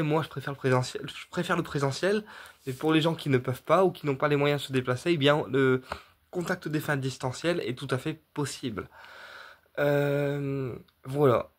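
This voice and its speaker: A man, a medium casually explaining his readings straight to his viewers, rambling with many fillers, restarts and repetitions. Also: a little high. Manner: addresses viewers directly, checking in with "d'accord". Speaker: medium offering paid readings. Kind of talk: casual direct-to-camera explanation.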